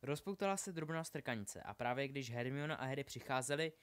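A man narrating a novel aloud in steady storytelling, slowing down for effect. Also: medium pitch, smooth. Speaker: reader. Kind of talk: audiobook narration.

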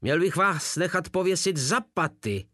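A man's voice: fairly high pitch, expressive, bright, forceful tone, no echo, studio quality, voice pushed up. A man voicing a small, pompous old field marshal who spits out his words with contempt, in an audiobook reading. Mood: scornful.

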